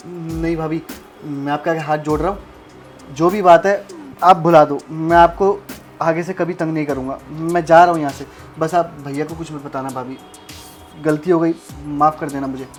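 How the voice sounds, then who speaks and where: A man's voice: fairly high pitch, fairly even intonation, moderate pace, soft background music, close to an everyday voice. A young man playing a pushy brother-in-law who coaxes and wheedles in a melodramatic short film. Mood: begging. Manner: coaxing, wheedling.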